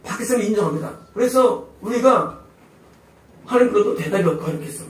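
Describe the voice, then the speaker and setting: A male pastor with a high, animated voice preaches emphatically at a quick pace in a church sanctuary. He keeps firing rhetorical questions at the congregation, and his voice sounds distant in the echoey hall.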